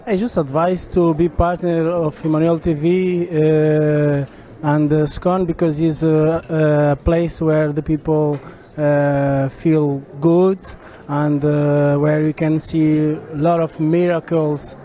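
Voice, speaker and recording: Hesitant Portuguese-accented man, mellow voice. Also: a little high, flat delivery, slow pace. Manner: hesitant, many fillers. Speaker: interviewee, church partner. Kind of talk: halting testimony in a second language.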